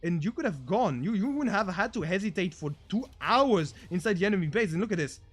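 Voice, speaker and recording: A man casting a video game match as comedic commentary, excitable and jokey, swinging between muttered asides and shouted hype. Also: high-pitched, a little fast, slightly rough. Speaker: game caster.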